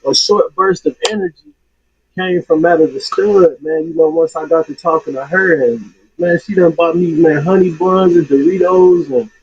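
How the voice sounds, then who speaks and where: A man phones in to a talk show, his voice muffled and distorted as if coming through a wall. The line is dull and lo-fi, and his husky tone is fairly high for a man. He rambles in a relaxed, slangy way. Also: normal speed, dry recording. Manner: laid-back, slangy, rambling. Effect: muffled, distorted phone line, as if talking through a water hose. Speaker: caller. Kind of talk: casual call-in chat.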